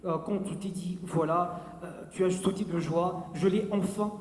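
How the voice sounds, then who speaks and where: A man puts a question to a guest, hesitating often and filling his pauses. His voice is fairly high, and an echoing room with a long reverb surrounds it. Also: fairly even intonation, a little mellow, a little hiss or hum. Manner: hesitant, many fillers. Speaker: panelist asking questions.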